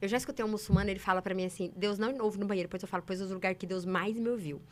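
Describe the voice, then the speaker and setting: A woman from Brazil telling sales stories in a casual interview, emphatic and animated. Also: mid-range voice. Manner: animated, emphatic, quick talker. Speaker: saleswoman guest.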